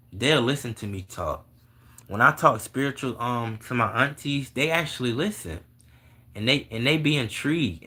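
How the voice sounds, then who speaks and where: Young male vlogger, casual and profane, quick to laugh, bright edge in the voice. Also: lowish voice. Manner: profane, blunt, laughs often. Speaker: vlogger answering viewer questions. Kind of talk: casual spiritual monologue.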